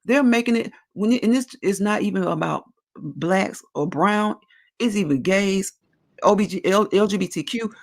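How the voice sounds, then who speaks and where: A woman's voice: medium pitch, gravelly. A woman in her forties talking at length in a casual discussion, earnest and emphatic as she explains her views. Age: 40s.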